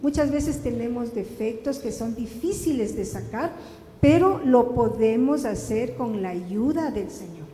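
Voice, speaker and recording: A woman's voice: fairly high pitch, animated, unhurried, mellow. A woman giving an earnest, confessional personal testimony to a church congregation. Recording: echoey church hall with faint room noise.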